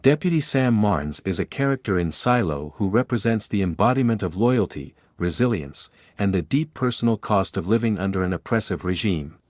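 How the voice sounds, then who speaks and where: Guy doing scripted video narration, lowish voice, really dry recording. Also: animated, moderate pace, hardly any pauses, dry recording.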